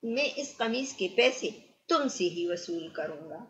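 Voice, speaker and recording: A woman's voice: medium pitch, expressive, close to an everyday voice. A woman voicing an arrogant, harsh man. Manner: harsh, threatening. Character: arrogant, angry man demanding payment. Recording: muffled lo-fi recording.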